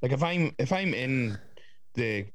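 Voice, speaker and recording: A man's voice: medium pitch, lively intonation, measured pace, no echo. Male co-host, twenties, Northern Irish, casual sweary podcast talk, dry recording. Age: 20s.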